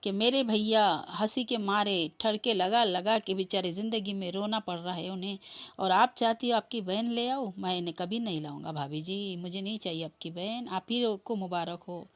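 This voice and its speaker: A woman's voice: medium pitch, lo-fi sound, natural voice. Woman doing a cheeky young brother-in-law. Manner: teasing, later pleading. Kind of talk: comic family skit.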